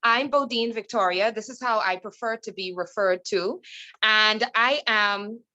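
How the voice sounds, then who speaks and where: A woman's voice: medium pitch, a little slow, sharp tone, lo-fi sound. A woman introducing herself as an entertainer to an online audience, confident and assertive. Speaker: guest speaker, entertainer. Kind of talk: self-introduction.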